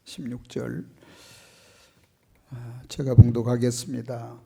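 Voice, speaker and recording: A man preaching a sermon as pastor, rising to loud, urgent appeals and dropping to quiet asides, often asking the congregation questions. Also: medium pitch, level tone, takes it slowly, gravelly, a little hiss or hum. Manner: swings from loud impassioned preaching to soft hushed asides.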